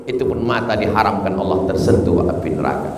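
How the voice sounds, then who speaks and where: A man giving an Islamic sermon, animated and joking, chanting verses between plain talk. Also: sits low, brisk, slight background noise. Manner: animated, chants Arabic verses, jokes with the crowd. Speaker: Islamic preacher. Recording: echoey hall with long reverb.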